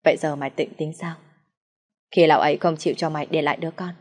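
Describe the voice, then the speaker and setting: A woman reading the lines of a blunt, caring young female friend who talks in a brisk, bossy way. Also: low-pitched, steady tone, a little mellow, in a large hall.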